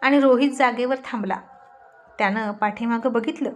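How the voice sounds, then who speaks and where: A woman reading a serialized story aloud in a steady storytelling manner. Her voice sits fairly high. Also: moderate pace, faint music behind. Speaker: story narrator.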